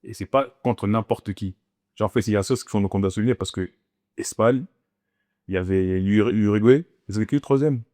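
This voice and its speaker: A man chatting casually about football with friends, animated and quick to argue his point. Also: lowish voice. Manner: animated, talks over others.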